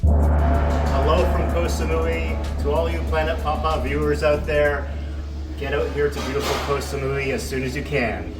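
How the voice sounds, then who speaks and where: Enthusiastic man shouting a greeting from afar. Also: fairly high pitch, animated, moderate pace. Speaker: viewer greeting the channel. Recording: distant echoey voice, loud music.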